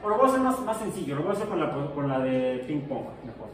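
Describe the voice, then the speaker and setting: Joking physics teacher in an echoey classroom. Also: male voice, a little high, big pitch swings, fast talker, slight background noise. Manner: jokey, asks the class questions. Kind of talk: classroom lecture. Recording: echoey room, far from mic.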